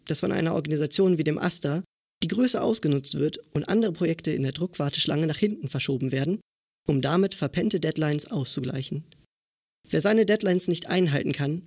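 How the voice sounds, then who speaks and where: A young man in his twenties reads out a formal, critical statement in a somewhat high voice. The recording is dry, with almost no room sound. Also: a little mellow, no room sound. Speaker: student cinema member. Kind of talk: read-out statement.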